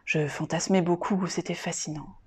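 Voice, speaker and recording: A woman voicing a troubled, lovesick young man in a clinic, speaking softly and trailing off quietly in an audiobook reading. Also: on the low side, steady tone, moderate pace, husky. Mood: wistful.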